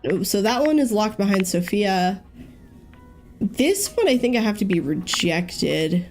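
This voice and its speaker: A woman's voice: mid-range voice, sing-song, unhurried, darkish tone, faint music behind. A young woman giving casual let's-play commentary, chatty and thinking aloud with frequent ums. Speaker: gaming YouTuber.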